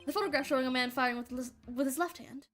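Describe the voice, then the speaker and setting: A woman's voice: high-pitched, fast talker, a bit bright. A woman voicing an earnest young male defense attorney, speaking emphatically.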